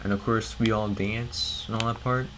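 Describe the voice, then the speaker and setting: A man's voice: on the low side, fairly even intonation, moderate pace, background noise. A man hosting his gaming channel, giving a casual, rambling tour of a Minecraft build in a worn, strained voice with many fillers.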